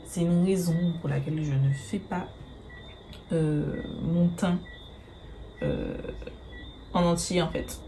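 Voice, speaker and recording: A woman's voice: deep voice, slow, gravelly, pauses often, mellow, slight background noise. A woman, chatting casually through a makeup tutorial, hesitant with many fillers and the odd swear word. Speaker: beauty vlogger.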